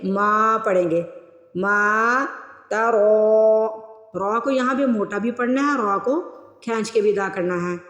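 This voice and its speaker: A woman teaching Quran recitation word by word. She draws each word out slowly, then explains the rules briskly. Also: mid-range voice. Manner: slow drawn-out recitation between brisk explanations. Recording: echoey room with long reverb.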